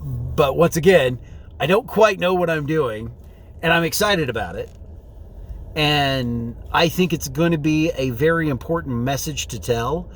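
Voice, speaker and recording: A man's voice: a little high, a little slow, a little hiss or hum. A man chatting casually and rambling through a vlog, recorded on a phone from inside a car. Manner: rambling, informal. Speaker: vlogger. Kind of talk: casual vlog chat, thinking aloud. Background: faint vehicle ambience.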